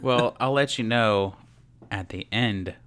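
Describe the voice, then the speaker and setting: A podcast co-host with a lowish, slightly bright voice chats casually at a slow pace. Playful and joking, he laughs often and trips over his words.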